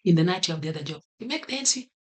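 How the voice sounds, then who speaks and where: Racing and very animated, this high-pitched Kenyan vlogger speaks with a Kenyan accent, giving an earnest motivational talk straight to camera and repeating his main advice to stress it.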